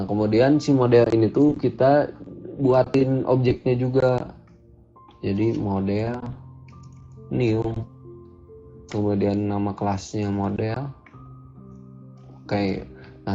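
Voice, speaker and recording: Slow and mellow, with a steady tone on the low side and frequent pauses, this man teaches programming over a screen recording. He codes while thinking aloud in a casual way. Dull lo-fi audio carries faint music.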